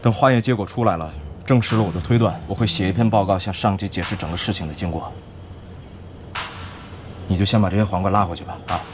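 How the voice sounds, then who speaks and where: An actor playing a male army staff officer who gives brisk orders. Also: low-pitched, background noise, lightly acted. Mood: reasoning. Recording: drama audio with faint music.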